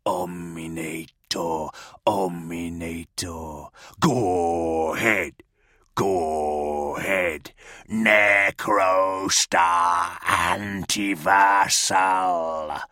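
A man voicing a howling demonic warship, with a slowed, distant demonic double voice that moves from whispers to shouts. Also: low voice, fairly even intonation, dry recording, clean studio sound, pitched below the performer's own voice, exaggerated voice. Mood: menacing chant.

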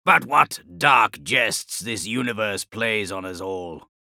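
Gravelly, tense, slow-spoken wounded commander, cold and bitter, as a male narrator puts him on in a storybook reading. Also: fairly low pitch, expressive, pushed and bright, no room sound, studio quality, heavily acted. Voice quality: raspy, gravelly. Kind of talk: audiobook character voice.

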